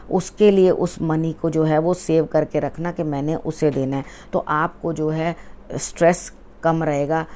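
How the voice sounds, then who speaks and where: A woman tarot reader giving a weekly forecast, speaking earnestly to the viewer and often checking in with a quick "okay" as she advises. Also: deep voice, darkish tone. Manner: mixes English words into Hindi.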